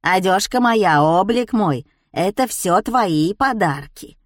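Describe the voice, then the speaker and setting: A woman voicing an ugly old crone, a gentle spirit of womanly fate, speaking slowly in a creaky, muffled voice. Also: mid-range voice, expressive, no room sound, studio quality. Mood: chiding. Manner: slow, soothing, drawn-out.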